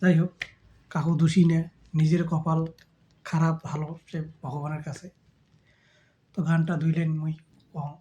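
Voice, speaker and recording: A man with a Rajbongshi accent talks in a slow, unhurried way, reflective and humble. His voice is dark and mellow, like an amateur singer chatting casually before a song. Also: fairly high pitch, level tone. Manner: slow, reflective, humble talk in a rural dialect. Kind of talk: casual spoken introduction before singing.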